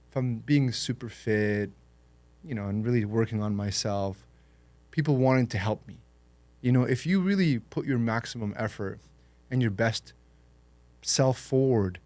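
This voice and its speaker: As a guest on a podcast, a young man who was born in Lebanon and grew up in Canada reflects on his life story in a relaxed, storytelling interview. His voice sits in the mid range, and there's no room sound.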